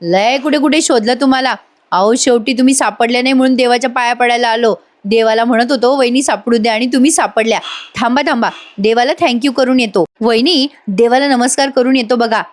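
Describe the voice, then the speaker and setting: A woman's voice: on the high side, fairly quick, natural voice. A woman voicing a cheerful, simple young brother-in-law who chats eagerly.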